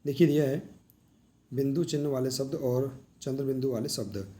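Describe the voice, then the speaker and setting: A man with a mellow, dark-toned voice teaches a workbook lesson in a patient, explanatory way. He keeps pointing listeners to the examples in front of them. His pitch sits at an ordinary middle level. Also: normal speed. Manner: explains patiently, often saying "देखिए" while pointing to examples.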